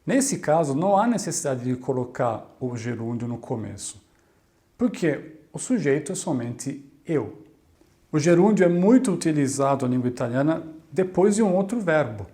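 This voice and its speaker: A man, teaching in a scripted video lesson. His voice sits a bit high for a man. He talks clearly and deliberately, slowing down to model each word. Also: sing-song, dark tone. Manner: clear, deliberate, slows down to model Italian words. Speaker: Italian language teacher.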